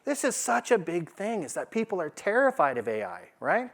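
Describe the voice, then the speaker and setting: This Canadian AI consultant has a high voice with huge pitch swings and speaks at normal speed. Presenting informally on business to a live conference crowd, he stays conversational and emphatic, frequently asking rhetorical questions.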